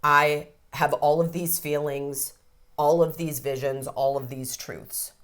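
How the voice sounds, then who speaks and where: A woman's voice: low voice, fairly even intonation, slow pace, fairly bright tone. A woman in her fifties, a counselor, talking frankly and reflectively in a podcast interview, with the odd casual swear word. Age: 50s. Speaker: codependency counselor and ceremony guide.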